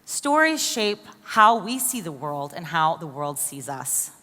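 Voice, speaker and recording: Speaking low but very animated, this American woman gives an enthusiastic keynote at a measured pace, addressing questions directly to the crowd. Her tone is pushed and bright, echoing with long reverb through a large conference hall.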